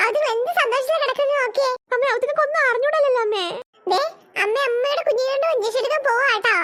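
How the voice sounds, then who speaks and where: A squeaky, sky-high cartoon family of girls and their mother, all voiced by one woman. She snaps between shouty sibling bickering and soft cooing over babies. A steady hiss of background noise sits under the voice. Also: fast. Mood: chatty. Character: chatty young sisters and their mother. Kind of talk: animated cartoon voice acting. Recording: noisy home recording.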